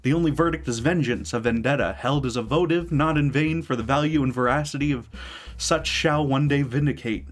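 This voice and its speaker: A man's voice: mid-range voice, brisk, hardly any pauses, natural voice. A man performing the speech of a theatrical masked male vigilante in a lofty, alliterative style, stumbling now and then over the wording. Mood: grandiose.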